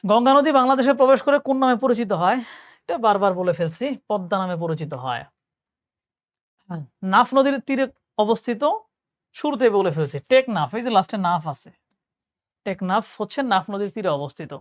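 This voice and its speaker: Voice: mid-range voice, lively intonation, a little fast, long pauses, no room sound. A young adult teacher with a Bangladeshi Bengali accent, reading exam questions aloud and answering each one step by step, often thinking aloud and correcting themselves. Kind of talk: admission exam lesson.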